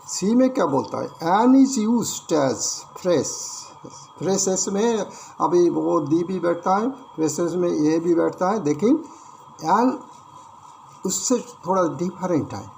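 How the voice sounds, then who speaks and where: Slow, gravelly-voiced Indian man teaching grammar. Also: high voice, a little mellow, slight background noise. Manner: explains slowly, repeating words, mixing English terms into Hindi. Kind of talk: classroom grammar lesson.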